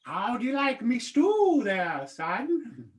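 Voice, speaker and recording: A performer voicing a spry, boastful old leprechaun who cooks stew, with folksy old-timey speech and a lively, swooping delivery. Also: medium pitch, slow pace. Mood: doting.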